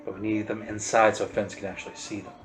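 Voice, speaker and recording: A man voicing a scheming smuggler who talks business in a low, dealing tone. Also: flat delivery, fast talker, close to an everyday voice. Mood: sly.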